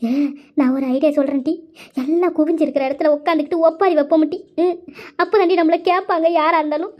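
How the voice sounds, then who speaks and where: A woman's voice: extremely high pitch, steady tone, fast, lo-fi sound. A woman voicing a wronged young village woman, talking in a whiny, complaining way. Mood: wailing.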